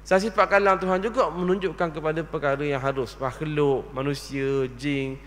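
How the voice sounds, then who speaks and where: A man's voice: on the high side, fairly even intonation, moderate pace, fairly bright tone. A man, giving a mosque lecture that answers its own questions and keeps asking if listeners understand. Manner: rhetorical questions answered himself, checks understanding. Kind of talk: religious lecture. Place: mosque hall. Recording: long reverb of a large hall.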